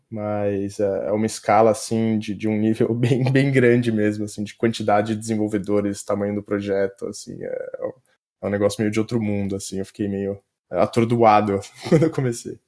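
A man with a Brazilian Portuguese accent, a software developer chatting casually as a podcast guest. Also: on the low side. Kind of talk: casual conversational interview answers.

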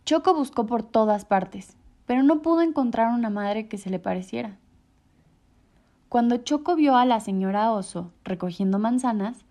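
A woman reading children's stories aloud on the radio in an expressive way. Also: fairly high pitch. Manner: expressive, animated read-aloud. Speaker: radio storyteller.

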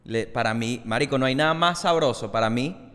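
A man, a comedian guest in a casual chat, laid-back and quick to chime in. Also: medium pitch, a bit bright. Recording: reverberant room.

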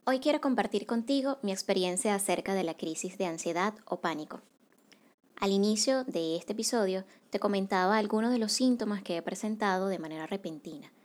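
Soft-spoken, calm and measured, a woman reads from a script as host of a wellness podcast, where she works as a psychocorporal facilitator. Her voice sits in the mid range.

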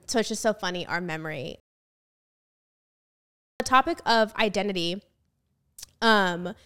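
Young woman podcast host, mid-pitched, chatty and quick to laugh. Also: clear, resonant tone. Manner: chatty, laughs often, lots of "like". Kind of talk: casual chat.

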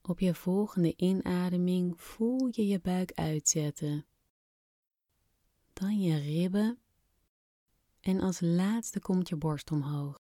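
A woman softly and soothingly guiding a breathing exercise in calm, unhurried scripted instructions, slightly breathy at times. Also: fairly low pitch, no room sound, studio quality. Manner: soft, soothing, unhurried instruction with long pauses. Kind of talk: guided relaxation exercise, scripted narration.

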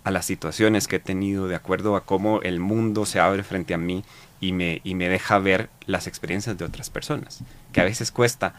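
A man with a Costa Rican accent answering interview questions in a reflective, halting way, with many fillers and repeated words. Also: low voice, steady tone, fairly bright tone. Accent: Costa Rican Spanish. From Costa Rica. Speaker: interview guest.

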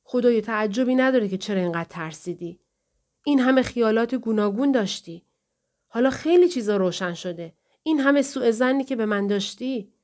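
A woman's voice: fairly high pitch, lively intonation, darkish tone, close to an everyday voice. A woman voicing a distressed man pleading with his wife in an audiobook, earnest and pleading. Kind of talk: audiobook dialogue reading.

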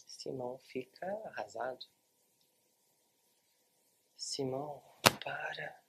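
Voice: medium pitch, slow, background noise. A literature teacher with a Brazilian accent retells a novel in a chatty, informal online lesson and talks straight to the viewers. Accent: Brazilian Portuguese.

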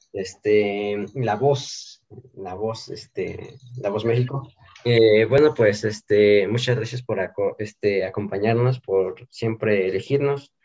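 A young man with a fairly low voice hosts a student podcast. He talks casually and haltingly, feeling for his words, and the recording sounds dull and lo-fi. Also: darkish tone. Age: young adult. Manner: halting, hesitant, searching for words.

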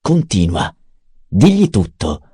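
A man playing a gruff, menacing old baron. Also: low voice, huge pitch swings, slow pace, warm tone, no room sound, clean studio sound, heavily acted. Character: cruel old scheming male baron. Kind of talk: audiobook character voice.

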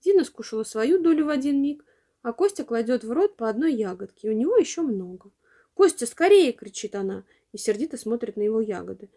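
Female storyteller for kids, animated and mellow. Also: on the high side, fast talker. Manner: expressive. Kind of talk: storybook narration.

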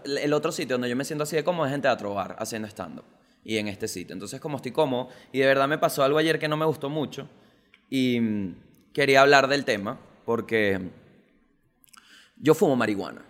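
A young Venezuelan man hosting a podcast, telling stories in a slangy comic monologue that swings between loud bursts and low mutters. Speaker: podcast host, stand-up comedian.

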